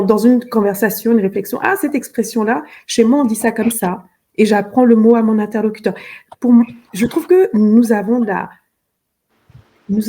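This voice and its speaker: A woman's voice: medium pitch, warm tone, slightly rough. Earnest middle-aged woman from Benin. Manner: earnest, repeats words often while searching. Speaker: guest, fashion designer. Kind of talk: interview conversation.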